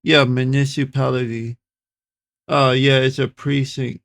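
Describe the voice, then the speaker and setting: A man reads an article aloud for his viewers, slowly and with little rise and fall in his voice. He keeps tripping over hard words and saying them again. The sound is dry and close. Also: medium pitch, little pitch movement, vocal fry, no room sound. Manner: slow, halting delivery. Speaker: streamer reacting to videos. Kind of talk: reading an article aloud and reacting.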